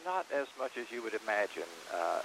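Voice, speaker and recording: Deep gravelly man with a Southern accent. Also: very animated, noisy background. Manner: halting, repeats words, many fillers. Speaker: interviewee, round dance teacher. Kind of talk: casual interview.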